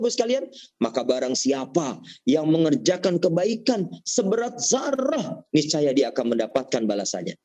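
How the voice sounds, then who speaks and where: A man giving a motivational sales talk, acting out customer dialogues in higher voices and quoting Arabic verses. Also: highs cut off. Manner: animated, jumps to higher pitch when acting out customers; quotes Quran verses in Arabic. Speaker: motivational speaker at a sales meeting. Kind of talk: preachy sales pep talk with acted-out dialogues.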